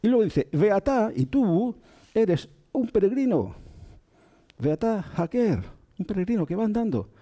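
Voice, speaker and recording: Gentle man with a dark, mellow voice. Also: high voice, very animated. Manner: slow and gentle, checks in with listeners. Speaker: spiritual teacher. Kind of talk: calm spoken lecture on Kabbalah.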